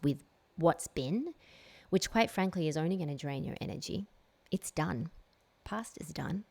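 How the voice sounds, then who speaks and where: A woman hosting a reflective solo podcast, speaking slowly and emphatically and repeating key phrases. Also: fairly low pitch, darkish tone. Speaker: podcast host.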